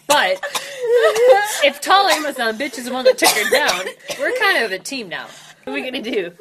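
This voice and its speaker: Lively woman player taking charge. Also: fairly high pitch, background noise. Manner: bossy, takes charge of plans. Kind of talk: casual tabletop game chat.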